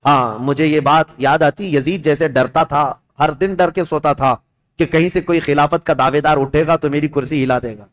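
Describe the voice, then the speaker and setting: Man, preacher, storytelling sermon, impassioned, declamatory, somewhat high voice. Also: normal speed. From India. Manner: impassioned, declamatory, addresses the crowd directly.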